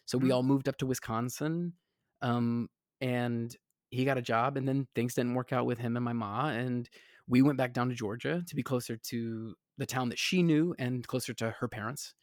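A man's voice: medium pitch, steady tone, moderate pace, no echo. Southern-raised man, casual rambling storyteller, restarts a lot, dry close sound. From American South. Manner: rambling with many fillers and restarts.

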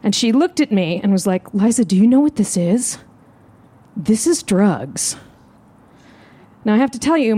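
A woman comedian telling a comic story live on stage, animated and self-mocking. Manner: animated, self-mocking, jumps into high voices. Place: live show outdoors.

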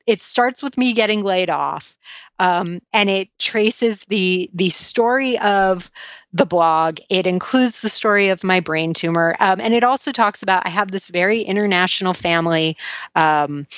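A woman's voice: lowish voice, dry recording. A woman chatting casually as an interview guest, self-deprecating, with slightly slurred, slushy sh-like s sounds. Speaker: podcast guest, author and blogger. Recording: dull lo-fi sound.

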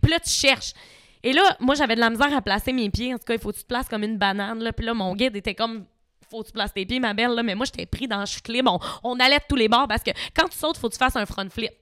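A young woman in her twenties with a Québécois accent, a podcast guest telling stories excitedly in casual chat and adding her own sound effects. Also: fairly high pitch, fast talker, clear, resonant tone, dry recording, studio quality.

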